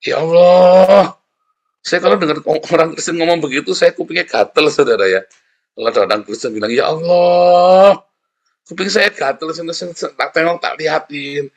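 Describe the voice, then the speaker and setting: A man's voice: fairly high pitch, fast talker. Conversational male pastor preaching a sermon. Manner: animated and conversational, often addressing listeners as "saudara".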